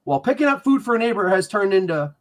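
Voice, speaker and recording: A man's voice: high voice, big pitch swings, quick pace. A man, a guest on a live stream, talking earnestly and repeating himself as he tells his story. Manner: earnest, repetitive, breaks down crying, coos to his dogs. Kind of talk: emotional live-stream interview.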